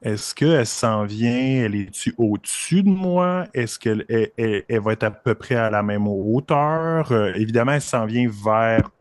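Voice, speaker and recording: A man's voice: lowish voice, moderate pace, hardly any pauses, dry recording. A man with a Québécois accent playing a tabletop game, thinking aloud and hesitant as he plans his move. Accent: Québécois French. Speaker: player. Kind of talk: tabletop role-play talk.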